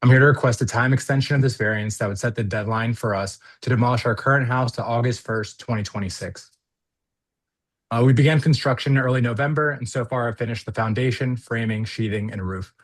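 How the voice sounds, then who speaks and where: A man speaking over a video call as an applicant at a hearing, reading a prepared statement in an earnest, halting way with fillers. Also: medium pitch.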